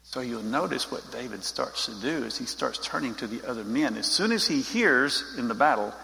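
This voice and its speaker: A man's voice: medium pitch, lively intonation, normal speed, gravelly, bright, forceful tone, long reverb tail, low-quality recording. A man giving an informal Bible teaching, talking straight to his group in a conversational way.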